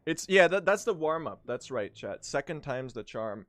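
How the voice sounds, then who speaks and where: Young male streamer from Sweden, jokey running chat over gameplay, animated delivery. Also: a little high, moderate pace, no room sound. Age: young adult. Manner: joking, talks to chat while playing. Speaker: speedrunning streamer. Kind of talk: casual live-stream chat.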